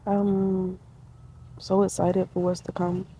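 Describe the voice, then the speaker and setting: A woman's voice: lowish voice, monotone, slow pace, mellow, slight background noise, poor audio. A woman in her twenties sitting outdoors in a tree, talking in a casual, reflective way, slangy and spiritual, with laughter. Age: 20s. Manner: laid-back, spiritual, slangy, laughs often. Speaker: vlogger.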